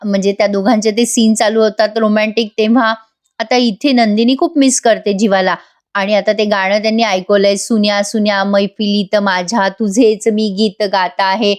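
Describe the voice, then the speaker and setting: A woman giving a voice-over recap of a TV serial episode, retelling it animatedly and acting out the characters' lines. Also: on the high side. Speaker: TV serial reviewer.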